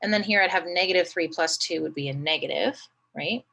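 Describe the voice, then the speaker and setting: A woman's voice: on the low side, a little fast, sharp tone, low-quality recording. A woman teaching a math lesson, patiently talking through each step and often checking in with "right?".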